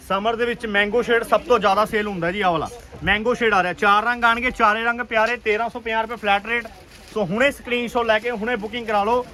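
A man with a Punjabi accent giving an urgent, repetitive, enthusiastic sales pitch as a shop seller on an online video. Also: bright, forceful tone. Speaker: clothing shop seller presenting stock. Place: busy clothing shop.

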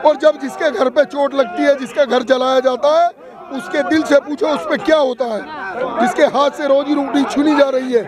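Firm high-voiced man at a protest. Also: fairly even intonation, moderate pace. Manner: firm, argumentative. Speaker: protesting electricity worker. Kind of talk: street interview. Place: outdoor protest rally. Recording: protest crowd outdoors.

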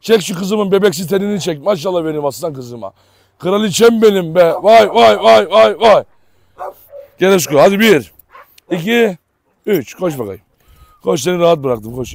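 A high-pitched man films on his dog farm, with slight background noise and dogs barking behind him. While handling the dogs, he talks casually and affectionately to viewers and shouts commands at them.

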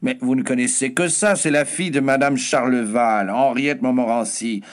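A man's voice: mid-range voice, normal speed, natural voice. A stern aristocratic duke, pompous and reproving, as a male reader puts him on. He speaks firmly and scolds his wife. The delivery stays close to a plain reading voice. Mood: insistent. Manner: firm, reproving.

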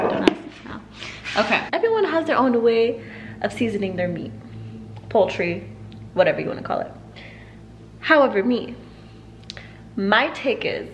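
A young adult woman films a casual cooking tutorial in her home kitchen, using a camera on the counter and a handheld one, chatting to her viewers in slang and calling them y'all. Her voice is on the high side, and the low-quality recording has a little hiss or hum.

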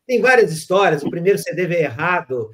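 A Brazilian man hosting a podcast, telling stories in a relaxed conversational way with frequent restarts. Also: a little high, fairly quick. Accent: Brazilian Portuguese. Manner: animated storyteller with frequent restarts. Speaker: podcast host. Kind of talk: casual storytelling conversation.

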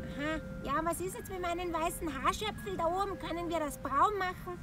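A woman doing a fretful squeaky tomcat. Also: a little fast, over music. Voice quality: high squeaky cat voice. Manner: anxious, fretting, childlike. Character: fussy cartoon tomcat puppet, worried and whiny. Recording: distant with background noise.

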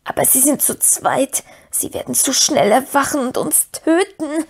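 A woman's voice: high-pitched, expressive, unhurried, voice pushed up. A woman reading aloud and voicing the meek side of a wretched male creature, whining and wheedling as he pleads with himself. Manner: whining, wheedling, lisping self-talk.

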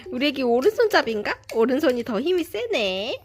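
A woman's voice: high voice, sing-song, normal speed, soft background music. A woman cooing baby talk to an infant in a gushing, sing-song way.

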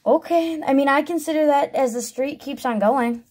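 A woman's voice: high-pitched, normal speed, darkish tone. A woman vlogger giving casual unboxing commentary, calling out each card by name in short bursts and thinking aloud between them. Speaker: vlogger opening trading card packs.

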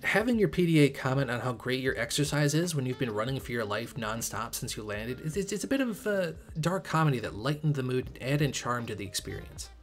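A man's voice: mid-range voice, expressive, brisk, hardly any pauses, faint music behind. A young man narrating a scripted game review video essay in a critical, emphatic way. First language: English. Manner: critical, emphatic, occasionally sarcastic.

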